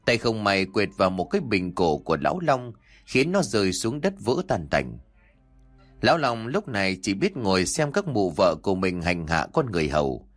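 A man reading a dark folk tale aloud in a dramatic, expressive audiobook style. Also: on the low side, moderate pace. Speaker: storyteller. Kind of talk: scripted audiobook narration. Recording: soft background music.

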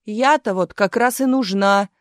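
A woman's voice: fairly high pitch, normal speed, dry recording, clean studio sound, pitched above the performer's own voice, close to an everyday voice. A woman voicing a haughty, venomous old former stage actress in an audiobook, grand and scolding. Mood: indignant. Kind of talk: audiobook character voice.

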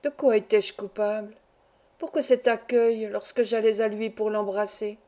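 A woman reading a classic novel aloud as an audiobook, in steady, measured storytelling. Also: mid-range voice. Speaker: audiobook reader. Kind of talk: scripted narration of a novel.

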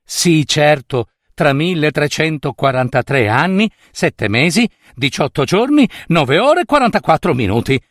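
Guy putting on a high whiny skeleton, touchy old pile of bones, voice bounces all over. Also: sing-song, a little slow, hardly any pauses, no room sound, clean studio sound. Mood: aggrieved. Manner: whiny and complaining.

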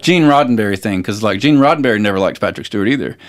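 A man's voice: lowish voice, lively intonation, rapid-fire, a little hiss or hum. A man co-hosting a podcast, chatting casually and retelling a story with lots of fillers and restarts. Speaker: podcast co-host. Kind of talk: casual chat.

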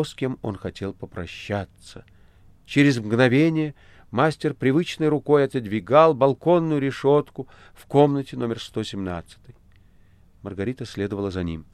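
Male audiobook narrator, expressive, fairly low voice, dry close sound. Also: no room sound. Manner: dramatic, expressive. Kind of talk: literary audiobook reading.

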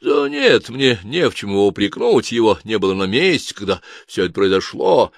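A man's voice: lowish voice, very animated, normal speed, creaky, no echo, full character voice. A man voicing a fussy, overly friendly chief of guards with a nasal voice, gushing and evasive in an audiobook. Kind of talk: audiobook character voice.

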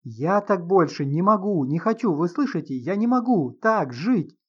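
Guy voicing an irritable sarcastic husband, kinda high pitched, muffled audiobook audio. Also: big pitch swings, normal speed, husky, exaggerated voice. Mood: agitated. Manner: agitated, sarcastic. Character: irritable middle-aged man, tense and suspicious.

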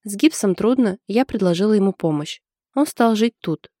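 An anxious young woman in love, confiding her trouble in a hesitant way, as a woman reads her part. The voice is mellow and dark. It sounds dry and close. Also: mid-range voice, animated, normal speed, dry recording, lightly acted.

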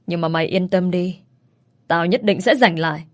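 A woman's voice: on the low side, normal speed, lightly acted. A woman voicing a scheming young man who speaks with cold contempt. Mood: threatening.

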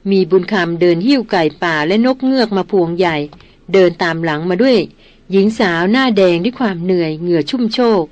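A woman narrating a novel as an audiobook reader in a steady storytelling manner. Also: lowish voice, fairly quick.

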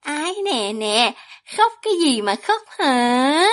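A woman's voice: high voice, big pitch swings, slow pace, fairly bright tone, heavily acted. A woman voicing a cruel, scheming young demonic sorceress with a haughty, mocking manner in a fantasy audiobook.

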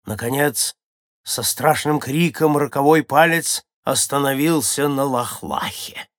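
A man narrates a children's audiobook story with dramatic swings, rising loud at tense moments and dropping to a near hush. His voice is mid-pitched and sounds dry and close-miked. The reading is steady and scripted. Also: no echo.

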